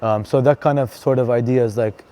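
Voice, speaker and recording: Laid-back DJ guest, man in his thirties, dark mellow tone, filler-heavy casual talk. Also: medium pitch, fairly quick. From Canada. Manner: relaxed, chatty, lots of fillers and "bro". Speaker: DJ and venue co-founder, guest. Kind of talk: casual interview chat.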